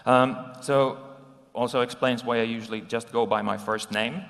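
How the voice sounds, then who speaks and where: A man's voice: medium pitch, steady tone, moderate pace, gravelly, fairly bright tone. A man in his forties from Finland giving a conversational conference talk with slides, with frequent ums and restarts, recorded live in a conference hall. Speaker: conference speaker.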